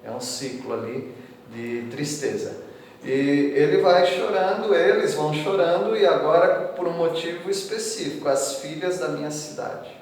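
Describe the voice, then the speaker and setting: A man's voice: a little high, moderate pace, darkish tone, slight background noise. A man, a pastor with a Brazilian Portuguese accent, preaching an expository sermon in a conversational way, often tossing little questions to the congregation and lifting his voice to read scripture aloud. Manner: reads scripture verses aloud with rising emphasis. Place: church hall. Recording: echoey church hall from far off.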